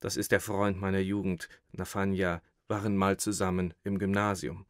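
A man's voice: low voice, little pitch movement, normal speed, no room sound, clean studio sound, natural voice. A man voicing a fawning, talkative thin clerk in an audiobook, speaking eagerly and at length. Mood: effusive. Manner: effusive, eager, rambling. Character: fawning, chatty thin male clerk, excited. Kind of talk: audiobook character reading.

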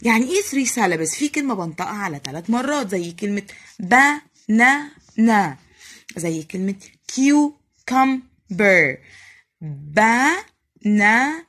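A husky-voiced woman with an Egyptian Arabic accent takes young pupils through a lesson. She draws out each English word slowly and explains in a patient, teacherly way. Her voice sits at an ordinary middle pitch. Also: animated. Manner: slow, drawn-out spelling of English words for young pupils. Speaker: primary school English teacher. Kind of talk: recorded classroom lesson.

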